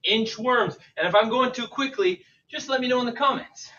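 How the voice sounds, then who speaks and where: A man's voice: extremely high pitch, moderate pace, sharp tone. A man coaching a live online workout like an aerobics instructor, counting out reps and calling cues with encouragement while exercising along. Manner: switches between English and French. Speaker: fitness coach leading a bodyweight warm-up class. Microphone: away from the mouth, at a distance. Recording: distant, dull microphone.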